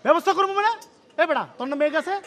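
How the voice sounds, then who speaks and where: Jealous bachelor buddy, whining, rustic speech, very high, bright. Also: male voice, lively intonation, rapid-fire. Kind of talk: comic television drama acting.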